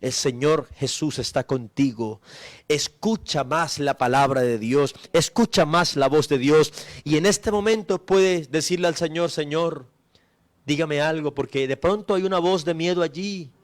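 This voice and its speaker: A middle-aged male pastor preaches with a high, ringing voice. His delivery is emphatic, building through repeated phrases. The cadence rises and falls like a sermon from the pulpit. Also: moderate pace.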